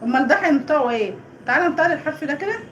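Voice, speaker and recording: High, quick Egyptian mom drilling letters. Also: female voice, lively intonation, dull audio, a little hiss or hum. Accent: Egyptian Arabic. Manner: drills letter sounds with exaggerated, emphatic pronunciation. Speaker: mother tutoring her child. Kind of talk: casual live stream. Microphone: phone livestream.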